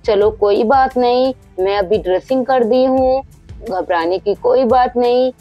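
A woman voicing a brisk female doctor who talks hurriedly and reassuringly, in a doll story. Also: a little high, dull audio, soft background music, lightly acted.

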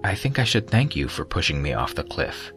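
A man's voice: deep voice, flat delivery, measured pace, a bit bright, soft background music. A man voicing a cold, disdainful young male martial hero who sneers at his enemies in an audiobook.

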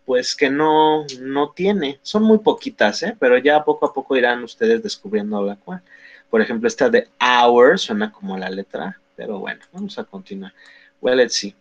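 A man's voice: mid-range voice, muffled recording. A man teaching a beginner English class, patiently correcting pronunciation and encouraging his students.

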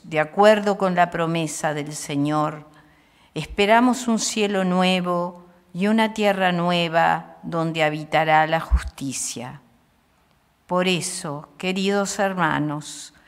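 An older woman reading scripture aloud at a lectern microphone in a small chapel, in a measured liturgical manner. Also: on the low side. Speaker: lector. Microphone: stand microphone at lectern. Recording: long chapel reverb.

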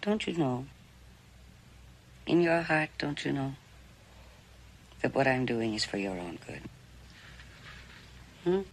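An actress with an extremely low, exaggerated voice portrays a scheming genteel mother in a 1960s TV western, middle-aged, ambitious, controlling and weary, pushing and coaxing her daughter. She is very animated yet slow, with long pauses, and the recording quality is low.

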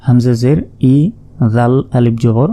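Slow bangladeshi guy spelling out quran words letter by letter, flat even voice. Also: mid-range voice. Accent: Bangladeshi Bengali. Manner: slow, methodical letter-by-letter teaching. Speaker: Quran recitation teacher. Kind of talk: spelling-out recitation lesson.

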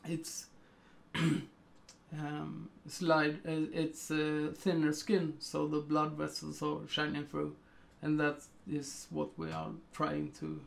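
Here a middle-aged man from Sweden, Swedish accent and all, narrates a casual screen-recorded photo editing lesson, filling his thinking aloud with ums and uhs. He speaks slowly in a monotone with vocal fry, his pitch on the higher side.

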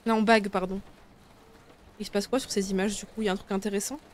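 A woman's voice: mid-range voice, flat delivery, fast talker, slight background noise. A young woman giving casual, slangy let's play commentary as she reacts to a horror game and her chat. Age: young adult. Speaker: live streamer playing a horror game. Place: small room at home, indoors. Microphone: desk microphone close to the mouth.

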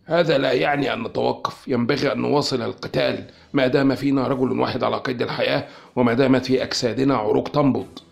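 A man's voice: lowish voice, steady tone, moderate pace, hardly any pauses, lightly acted. A man voicing a hot-tempered male scientist who speaks sharply and urgently. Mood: agitated. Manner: sharp and agitated.

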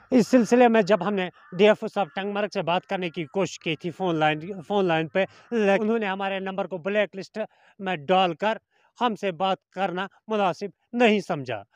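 A man in his thirties doing a news report outdoors with a handheld mic, in a forceful, accusing tone with formal officialese. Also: high voice, clear, resonant tone, dry recording. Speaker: field reporter. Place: outdoors in a forest.

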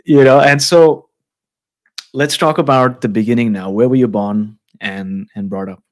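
A man in his thirties hosting a podcast interview, speaking in a thoughtful, measured, affirming way into a studio mic in a small room. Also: medium pitch. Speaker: podcast host. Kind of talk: casual interview. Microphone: studio mic with headphones.

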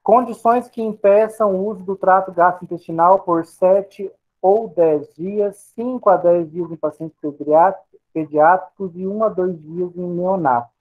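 A Brazilian Portuguese-accented man gives a recorded pharmacy lecture over slides. He asks questions and answers them himself in a fairly high voice. The sound is thin and tinny, as if through a phone line. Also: measured pace. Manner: explanatory, asks and answers his own questions.

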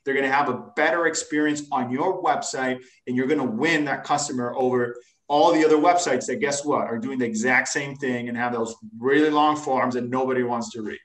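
A man's voice: medium pitch, fairly even intonation, brisk, a bit bright. A man in his thirties, a guest on a casual video-call interview, talking keenly and slangily from a room at home. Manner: enthusiastic, slangy, says dude and man. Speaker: podcast guest. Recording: echoey room, distant mic.

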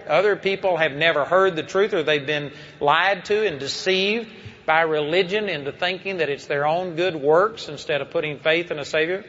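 A man's voice: on the high side, a bit bright, lo-fi sound, a little hiss or hum. A man preaching a sermon to a live audience, telling a story with emphatic, rising delivery. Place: church before a live audience.

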